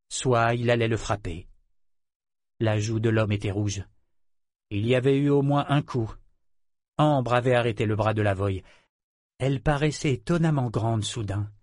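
A man's voice: mid-range voice, dry recording, studio quality. Man giving dramatic audiobook narration. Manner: dramatic, expressive reading. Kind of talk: scripted novel narration.

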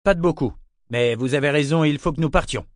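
A man voicing a brisk, practical ship captain in a storybook reading. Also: a little high, dry recording, studio quality, pitched above the performer's own voice, close to an everyday voice.

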